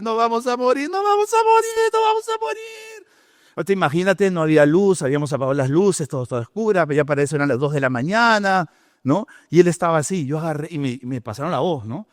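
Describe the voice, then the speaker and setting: A man with a Peruvian Spanish accent preaching a sermon in a church, telling stories with lively, dramatic delivery. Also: high-pitched, no echo, studio quality. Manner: animated storytelling preacher, shouting out quoted lines. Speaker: pastor. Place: church hall.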